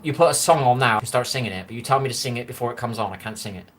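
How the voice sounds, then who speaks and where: Racing along at medium pitch, a rambling man from Bristol, England, chats casually on a live stream, reading comments in his Bristolian West Country accent. He's chatty and easily amused, recording on a phone in his own room with the lights low, with a little hiss or hum.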